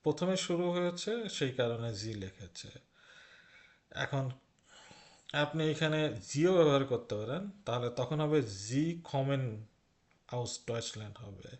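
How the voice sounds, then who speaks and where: A man walks through a textbook lesson at a slow, unhurried pace, pausing to check that he has been followed. His voice sits at an ordinary middle pitch, and he spells out each example phrase with deliberate care. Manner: slow, patient, repeats with "ঠিক আছে?"; says German phrases very slowly and carefully. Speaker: German language teacher.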